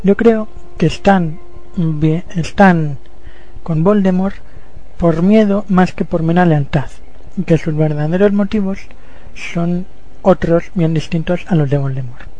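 Male listener, higher mellow voice, faint music. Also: unhurried, lo-fi sound. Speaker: listener sending a comment. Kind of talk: read-out voice message.

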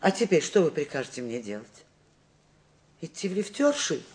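A woman's voice: low voice, huge pitch swings, normal speed, darkish tone. An actress playing an ironic, proud old mother-in-law in a drama, with a theatrical, wry way of talking. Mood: wounded, indignant. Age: older. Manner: wry, theatrical, repetitive interjections. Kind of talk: naturalistic stage or film drama acting.

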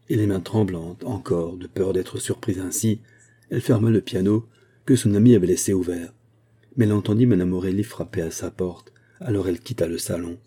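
A man reading a classic novel as an audiobook, in a measured, steady narration. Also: sits low, slightly rough.

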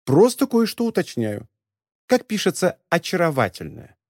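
A man's voice: on the high side, wildly swooping pitch, normal speed, a little mellow, no echo, clean studio sound, pitched above the performer's own voice, heavily acted. A man voicing a chatty, mischievous invisible teenage girl in an audiobook. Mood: teasing. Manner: playful, mischievous.

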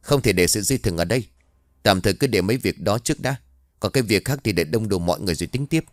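Brief: older village man, firm and steady, lowish voice, as the narrator plays him. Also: fast talker, no room sound, clean studio sound, natural voice. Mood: urgent. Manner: firm, instructing.

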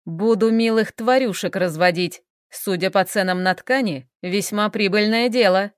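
Female narrator doing a laid-back young dragon lord: deep, slow, unruffled, in a dry, close storybook read. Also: clear, resonant tone, dry recording, natural voice. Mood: cool. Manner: low, slow, unbothered drawl. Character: young male dragon lord, calm and cocky.

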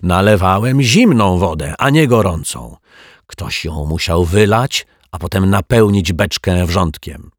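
A man voicing a lazy, quick-tempered male lodger in a children's story, snarling and shouting indignantly. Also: sits low, animated, no room sound, studio quality.

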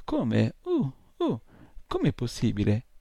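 A man's voice: mid-range voice, lively intonation, normal speed, gravelly, dark tone, dry recording, studio quality. A man voicing a small, whiny, fretful male imp, with a whimpering, stammering tone.

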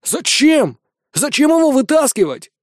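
A man's voice: very animated, measured pace, no room sound, clean studio sound, heavily acted. A man voicing a spiteful teenage boy who jeers and gloats in an audiobook. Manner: jeering, shrill.

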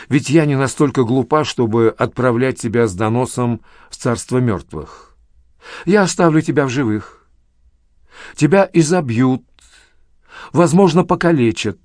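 Guy voicing a cold bossy queen, sneering and calm, storybook reading, mid-pitched. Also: no echo, clean studio sound, close to an everyday voice. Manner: imperious, coolly mocking. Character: cold, commanding royal woman.

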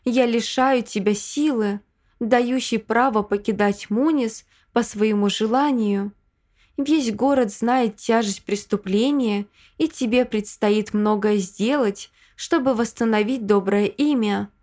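A stern werewolf prince hands down judgement in a low, growling command, as a woman narrator voices him. His voice sits fairly high for a man, since she barely shifts her own pitch. It is calm, imperious storybook speech. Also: slow.

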